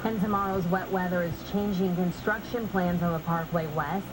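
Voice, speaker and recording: A woman's voice: on the low side, fairly even intonation, moderate pace, noisy background. A woman reading scripted news as an anchor, re-recorded from a television in a room.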